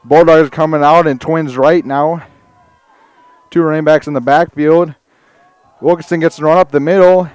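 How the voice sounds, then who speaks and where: Breathless high school football announcer. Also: male voice, fairly even intonation, moderate pace, long pauses, a little mellow, smooth, no echo. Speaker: play-by-play announcer.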